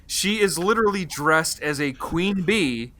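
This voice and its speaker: Bright, animated man recapping a movie. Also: fairly high pitch, a little slow. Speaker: co-host of a film review show. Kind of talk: casual comic movie recap chat.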